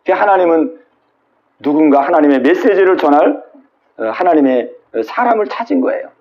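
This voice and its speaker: A man's voice: on the high side, expressive, moderate pace, muffled recording. A male pastor preaching a Wednesday sermon at a small church, retelling scripture with dramatic quoted voices and asking the congregation questions.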